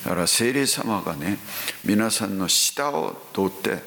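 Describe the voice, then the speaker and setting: Slow, deep-voiced male preacher in hall. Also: expressive, gravelly, sharp tone. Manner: slow preaching with frequent hums and rising exclamations. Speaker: pastor. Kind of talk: sermon. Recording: echoey hall with faint hiss.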